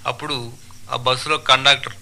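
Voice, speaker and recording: A man telling a string of jokes in a lively, animated manner, switching into character voices. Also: mid-range voice, normal speed, vocal fry. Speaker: joke teller. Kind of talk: comic storytelling.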